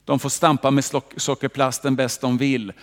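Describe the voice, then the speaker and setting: A man voicing God as an all-powerful male creator, speaking in a lower, quieter, mocking first-person voice. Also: level tone, long reverb tail, close to an everyday voice. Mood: ironic, superior.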